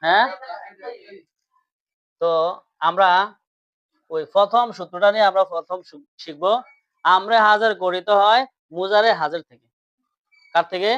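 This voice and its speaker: A man's voice: sits high, measured pace, long pauses, fairly bright tone, no room sound, lo-fi sound. A man teaching grammar in class, repeating points and quizzing his students questions.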